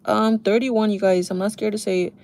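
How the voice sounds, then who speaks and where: A woman's voice: mid-range voice, fairly even intonation, brisk, darkish tone. A woman in her thirties chatting casually to her viewers while doing her makeup, confiding and talking straight to them. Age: 30s. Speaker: beauty vlogger.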